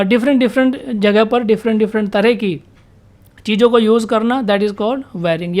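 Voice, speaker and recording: A woman with a fairly high voice teaching vocabulary to exam students. She keeps asking questions and answering them herself, and she reads the English definitions out slowly, one word at a time. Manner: asks questions and answers them herself, repeats key words.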